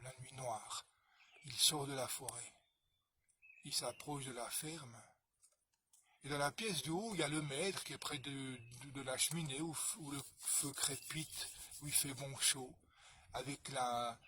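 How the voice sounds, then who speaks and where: A man telling a folk tale as a storyteller, speaking expressively and swinging from hushed passages to loud ones. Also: medium pitch, a little hiss or hum.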